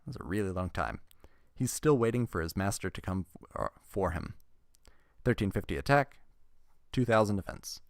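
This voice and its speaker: A man with a fairly low voice, recorded close and dry with no room sound. He reviews trading cards in a relaxed, chatty way, reading the card text aloud and adding wry remarks and laughter as he goes. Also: normal speed, pauses often, no room sound.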